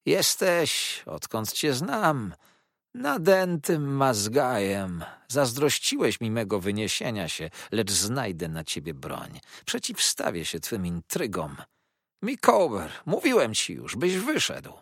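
A man voicing a sneering, venomous young male clerk who hisses his words in spite, in a storybook reading, with a husky voice in a dry recording. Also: big pitch swings, takes it slowly, a bit bright, no echo, exaggerated voice. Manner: hissing, shrill, spiteful.

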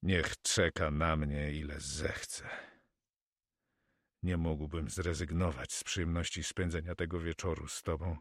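A man voicing a proud, brooding pirate captain in an audiobook, speaking slowly and solemnly. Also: extremely low pitch, level tone, no echo, clean studio sound, exaggerated voice. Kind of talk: audiobook character reading.

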